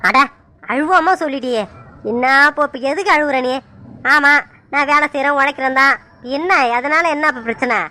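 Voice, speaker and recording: A woman's voice: high-pitched, moderate pace, pushed and bright, a little hiss or hum. A woman voicing a middle-aged village farmer husband who scolds bluntly but cares for his wife. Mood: scolding. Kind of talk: cartoon voice acting.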